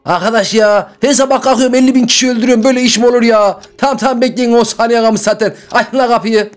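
A man playing a comic grumbling character over Roblox gameplay, excitable and often shouting. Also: very high voice, fast. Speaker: gaming YouTuber.

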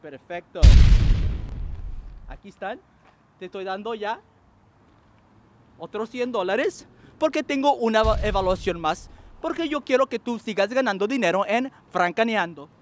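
A man with a very high voice hosts a lively street quiz. He teases his guest and hops between Spanish and English as he teaches. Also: unhurried, pauses often. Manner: animated, teasing, switches between Spanish and English. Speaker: game show host and English teacher. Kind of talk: playful street quiz show.

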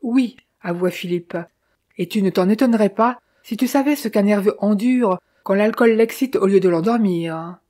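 A nervous, pleading man in an audiobook scene, read by a woman. His voice is mellow and dark, and he sounds plaintive and shaken. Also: medium pitch, moderate pace, close to an everyday voice. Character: anxious, plaintive man accused of a killing.

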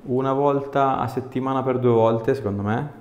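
A man acting as a chiropractor gives short, direct, reassuring instructions during a hands-on exam, mixed with casual explanation. His mid-range voice is steady and moderately paced, with the highs cut off, recorded in a small, echoey indoor treatment room.

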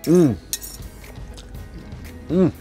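A man's voice: drawn-out words, warm tone, soft background music. A man, hosting a food vlog, eagerly explaining dishes as he eats inside a camper van. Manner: enthusiastic, explains dishes while eating. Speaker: food vlogger host. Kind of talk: casual food vlog narration.

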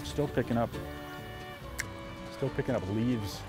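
Matter-of-fact fishing guide on a boat. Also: male voice, medium pitch, measured pace, music in the background. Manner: plain, matter-of-fact explanations, clears throat. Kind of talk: casual conversation on a boat. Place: on a fishing boat on a lake, outdoors.

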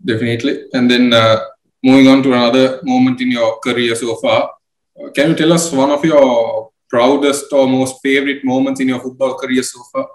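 A young man interviewing a guest over a video call, asking halting questions with many fillers. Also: mid-range voice, flat delivery. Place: room with bookshelves indoors. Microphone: video call webcam. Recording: roomy webcam audio.

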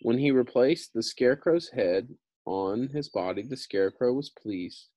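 Reading a children's story aloud, a thirtysomething man keeps things casual, stopping to explain bits informally and sometimes repeating himself. He has a medium-pitched, dark-toned voice with lively intonation, a measured pace, and no echo.

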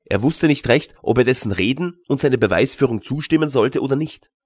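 A man narrating a classic audiobook tale in a measured storytelling manner, recorded in a studio. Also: mid-range voice, lively intonation, no echo. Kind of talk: scripted narration.

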